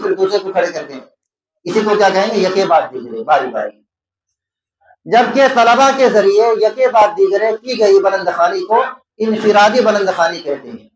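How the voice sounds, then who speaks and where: Man, high voice, Indian Urdu accent, exam-prep teacher, asks and answers his own questions, echoey room. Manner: repeats key terms and explains them.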